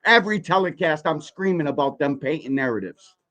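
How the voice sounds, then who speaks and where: A man in his forties reacts to a video on his livestream in a slightly high, expressive, fairly quick and somewhat bright voice. His podcast-host commentary is emphatic, blunt and full of swearing and rhetorical questions.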